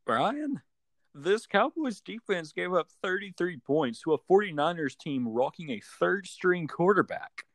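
A man's voice: high-pitched, big pitch swings, unhurried, fairly bright tone, dry recording, studio quality. A young man in a casual sports voice chat over a phone, giving opinions in a teasing, mock-serious way. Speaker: sports podcast co-host. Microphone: remote voice chat call on a phone.

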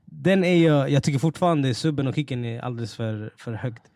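A man working as a mixing and mastering engineer, chatting casually in a podcast, relaxed and quick to laugh. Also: medium pitch, vocal fry, no echo, clean studio sound. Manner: relaxed, laughs often, many restarts and fillers.

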